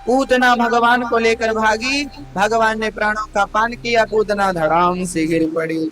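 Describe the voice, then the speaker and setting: High-voiced slow Hindi katha preacher. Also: male voice, steady tone, fairly bright tone, slight background noise. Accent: Hindi, North Indian. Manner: dramatic, voices characters in quotes, addresses listeners as mother. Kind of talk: devotional storytelling sermon.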